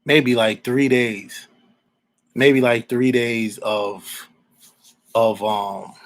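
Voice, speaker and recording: A man's voice: mid-range voice, fairly even intonation, extremely slow, poor audio. Rambling man in his forties from Alabama. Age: 40s. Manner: rambling, repeats himself, informal street slang. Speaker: podcast host. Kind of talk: casual opinion talk.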